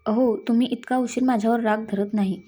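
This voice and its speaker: A woman's voice: fairly high pitch, steady tone, fairly quick, warm tone, natural voice. A woman reading a tearful pleading young wife.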